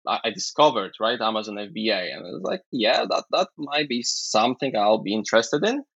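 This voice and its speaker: A man in his thirties from Poland with a Polish accent, a guest speaking halting, casual English and laughing often. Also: mid-range voice, big pitch swings, a bit bright, slightly rough, no room sound, lo-fi sound. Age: 30s. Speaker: guest, online seller. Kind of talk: casual interview chat.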